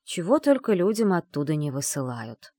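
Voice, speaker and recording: Female audiobook narrator, first-person, lively and expressive, lowish voice, dry close sound. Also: moderate pace, no echo. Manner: expressive, animated storytelling.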